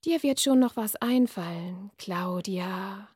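A woman reading from her novel, voicing a sly, sinister night creature in a slow, coaxing, half-whispered hiss. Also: fairly high pitch, lively intonation, darkish tone, slightly rough, no room sound, clean studio sound, full character voice.

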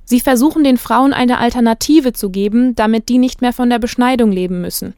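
A woman radio reporter reading a scripted narration in a measured, factual way. Her voice sits a little high, and the booth sound is dry and close. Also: darkish tone, smooth, no room sound.

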